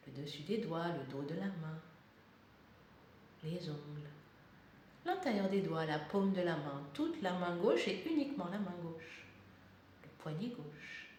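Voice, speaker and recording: In this guided meditation, a woman acting as a yoga nidra guide speaks in short, calm, deliberate phrases and leaves pauses between her slow, soothing instructions. Faint rumbling noise comes through, and the room echoes heavily.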